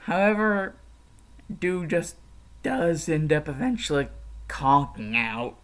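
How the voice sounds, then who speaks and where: A man's voice: on the high side, sing-song, takes it slowly. A man telling a fan-fiction story in a loose, slangy, casually swearing way.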